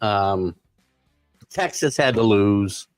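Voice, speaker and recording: A male host of a live sports talk show, giving opinionated commentary that keeps building into excited rants. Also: fairly low pitch, extremely slow, no echo, faint music behind.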